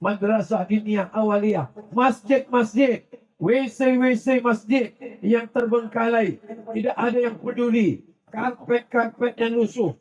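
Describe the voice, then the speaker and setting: A man's voice: extremely high pitch, unhurried, darkish tone, breathy edge, lo-fi sound. A man preaching a sermon to a large gathering, mixing jokey stories with recited Arabic verses and rising, emphatic appeals. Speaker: Islamic preacher.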